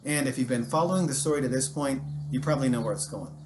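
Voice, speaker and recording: A fast-talking American man, a storytelling teacher, tells history in a lively, informal way against a noisy background. His voice sits at medium pitch, and he slips humorous asides into the narration.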